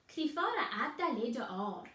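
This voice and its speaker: A woman reading a picture book aloud to children, pausing to explain the story. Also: high voice, big pitch swings, sharp tone, echoey room. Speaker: reader.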